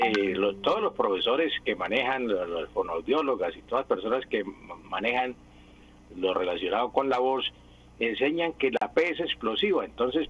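A man's voice: mid-range voice, a bit bright, slightly rough. A man, a language expert on a radio show, patiently explaining pronunciation and repeating words to demonstrate them. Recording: dull lo-fi radio sound.

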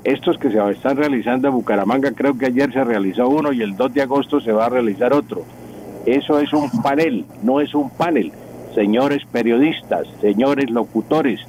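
A man's voice: medium pitch, a little mellow, poor audio. Older Colombian man, radio language professor; didactic, repetitive, faint background noise. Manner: didactic, repeats words for emphasis.

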